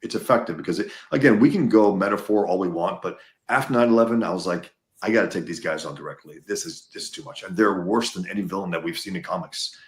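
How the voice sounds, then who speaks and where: A man's voice: low voice, quick pace, echoey room. A man from the United States, a guest in a casual conversation, talking emphatically and repeating words as he gets worked up.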